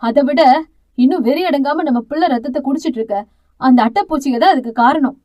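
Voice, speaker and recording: A woman's voice: high voice, fast talker, darkish tone, close to an everyday voice. A woman voicing a fierce, domineering middle-aged aunt who scolds with harsh contempt, in an audio novel. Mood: firm reassuring.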